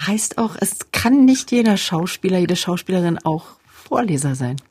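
A woman's voice: on the low side, big pitch swings, normal speed, darkish tone, husky. A woman interviewing a guest, asking attentive, prompting questions. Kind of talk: radio interview.

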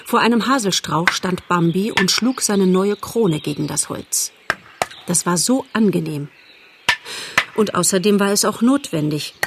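A woman reading a classic animal novel aloud as an audiobook narrator, measured and even. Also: on the low side, background noise.

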